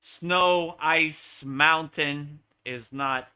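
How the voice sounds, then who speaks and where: A man's voice: a little high, drawn-out words, sharp tone, clean tone. An American man, a spiritual teacher, talking earnestly and repetitively in a live Q&A satsang.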